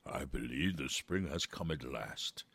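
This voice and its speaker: A man doing a gruff selfish giant. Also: a bass voice, expressive, unhurried, fairly bright tone, no room sound, full character voice. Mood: wondering. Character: gruff selfish male giant, huge and grumpy.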